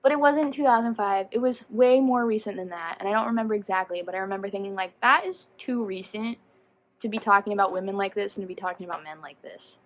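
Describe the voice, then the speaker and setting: A vlogger gives a casual, chatty book review in a fast, mid-range voice. She is animated and slangy, often rambling and cutting herself off.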